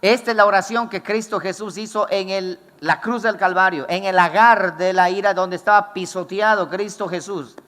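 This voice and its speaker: High, bright-voiced male pastor preaching. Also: steady tone, normal speed, hardly any pauses, big-room sound. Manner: fervent, emphatic preaching. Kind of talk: sermon. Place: church with congregation.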